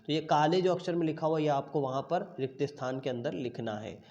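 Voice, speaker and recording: Slow-dictating male teacher, lo-fi. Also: on the high side, a little mellow. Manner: slow deliberate dictation of answers. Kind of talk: online class lesson.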